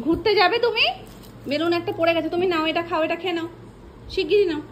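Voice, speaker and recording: A woman's voice: very high voice, steady tone, rapid-fire, slight background noise. A young woman chatting casually through a family vlog at home, switching to sing-song baby talk with her toddler. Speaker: vlogger and mother.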